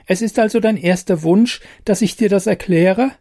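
A man voicing a tiny, impatient, snippy female fairy with a squeaky voice in a storybook reading. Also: normal speed, darkish tone.

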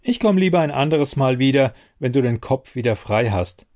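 A man's voice: mid-range voice, lively intonation, normal speed, darkish tone, natural voice. A man voicing a chatty easygoing friend.

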